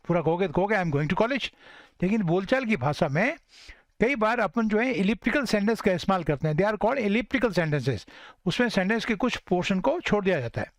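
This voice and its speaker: High-voiced man teaching English. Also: dry recording. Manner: mixes Hindi and English, slows down to model English sentences; keeps checking in with listeners. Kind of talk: spoken English lesson.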